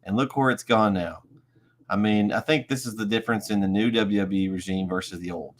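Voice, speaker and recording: A man's voice: lowish voice, fairly quick. A man hosting a casual wrestling review show, easygoing and fond of homespun analogies. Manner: easygoing, uses homespun analogies, laughs along. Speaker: podcast host.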